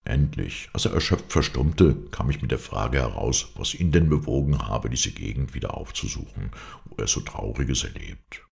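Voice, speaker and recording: A man reads a literary story aloud as an audiobook narrator, measured and expressive. His voice is extremely low with a gravelly fry, and his pitch moves widely through the sentences. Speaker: audiobook reader.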